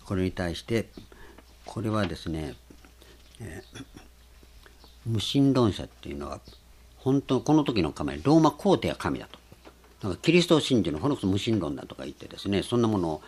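A man's voice: sits low, sing-song, fairly quick, darkish tone, a little hiss or hum. A man preaching a sermon, explaining earnestly with frequent hesitations.

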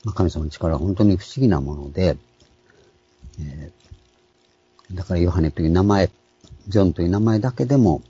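A man, a pastor, giving a calm, explanatory sermon with frequent pauses and fillers. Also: low voice, slightly rough, muffled recording. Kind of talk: sermon on scripture names.

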